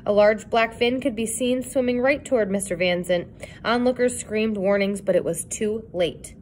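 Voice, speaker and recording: A woman reading a novel aloud in an even, clear narrating voice. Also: medium pitch, normal speed, slight background noise. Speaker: reader.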